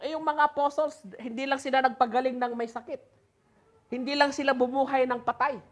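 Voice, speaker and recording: Woman preacher with a Filipino accent, high voice, reads scripture slowly with emphasis. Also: fairly bright tone. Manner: Taglish, rhetorical "di ba?" questions, slow emphatic reading. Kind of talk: sermon with Bible reading.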